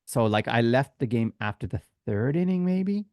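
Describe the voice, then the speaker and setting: With lively intonation and a mid-range, darkish voice at normal speed, a sports podcast co-host and tour guide shares casual anecdotes. He's a chatty, informal storyteller who acts out the exchanges he describes. The recording is dry.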